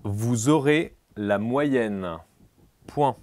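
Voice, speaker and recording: A man playing an examiner in a comic dictation sketch, slow and solemn, repeating every phrase and speaking out the punctuation. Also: mid-range voice, a little mellow, no echo.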